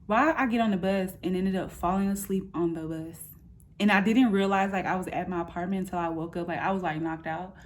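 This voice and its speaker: Speaking on the low side and fairly quickly, this thirty-year-old woman is a vlogger chatting indoors in her apartment room. It's a casual personal update, delivered in a slangy, candid, informal way, full of animated retelling and quoted asides.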